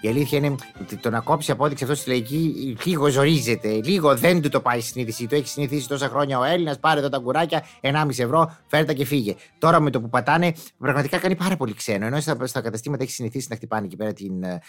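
A man's voice: mid-range voice, few pauses, faint music behind. A man delivering a casual comic monologue in a chatty, exclamatory way, with mock-indignant asides.

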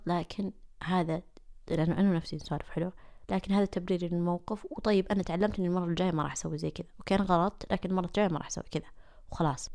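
A young woman with a Gulf Arabic accent talks through a casual solo podcast at a rapid clip. Her voice sits low and mellow with a gravelly edge. She is chatty and self-mocking and keeps slipping into hushed asides. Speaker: podcast host.

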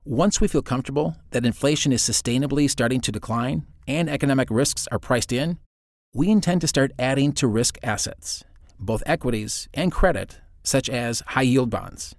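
A male podcast host reads prepared financial narration. His pitch sits in the middle range, and the sound is dry, without room reflections. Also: moderate pace, no echo.

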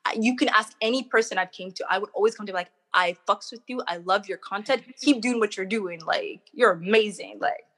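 A woman's voice: medium pitch, a little fast, few pauses. Chatty young woman telling stories. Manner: animated storyteller, acts out quotes. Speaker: guest. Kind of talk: casual interview chat.

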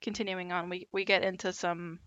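A woman hosting a podcast, telling a story in a relaxed, casual way with lots of fillers. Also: fairly low pitch, fairly quick, dry recording, muffled recording. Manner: relaxed, with many fillers and asides.

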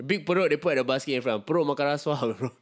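A man's voice: fairly high pitch, fast. Slangy Singaporean man, chatting casually. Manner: animated slangy talk peppered with "bro", "man" and "lah". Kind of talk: casual chat.

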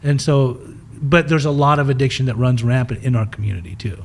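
Speaking a little fast in a mid-range voice, a middle-aged podcast guest tells his life story in a candid, rambling interview. He grew up in Utah in the United States, spoke German first, and is open with listeners, often restarting words.

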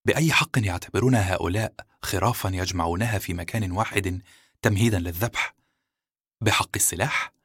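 Deep-voiced man narrating a novel. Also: a little fast, a bit bright, breathy edge, no room sound, studio quality. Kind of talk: scripted first-person audiobook narration.

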